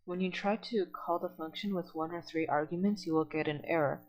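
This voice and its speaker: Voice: medium pitch, fairly even intonation, brisk, rough recording. A tutor in an online coding lesson who reads documentation aloud and then explains it plainly, step by step.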